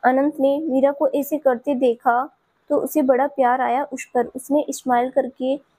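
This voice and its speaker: A woman storyteller giving scripted audio-story narration in a steady, even manner. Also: sits high, unhurried.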